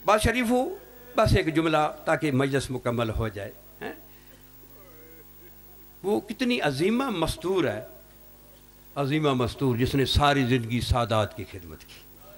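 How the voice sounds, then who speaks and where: A man delivering an emotional mourning sermon as a cleric, with rhetorical tags and sudden leaps in pitch and loudness. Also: big pitch swings, pauses often. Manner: impassioned, swinging sharply in pitch and loudness, rhetorical "hain?" tags. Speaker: Shia cleric leading a Muharram majlis.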